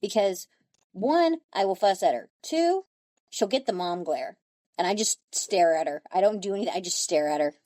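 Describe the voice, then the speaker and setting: A woman's voice: mid-range voice, animated, normal speed, a little mellow, no echo. A woman co-hosting a podcast in casual chat, telling stories with a wry, blunt manner. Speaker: podcast co-host.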